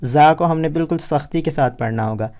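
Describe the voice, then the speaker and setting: Smooth-voiced man teaching Quran letters. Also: fairly high pitch, a little mellow. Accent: Pakistani Urdu. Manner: explains in Urdu with English words, then slowly drawls each letter aloud. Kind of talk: step-by-step recitation lesson.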